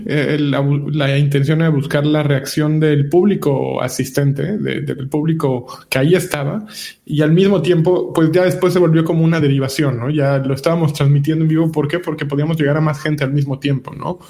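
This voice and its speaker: A man's voice: a little high, steady tone, brisk, creaky, mellow. A man with a Mexican accent giving casual, slangy commentary as a panelist on a gaming talk show, explaining his points and checking in with short tag questions.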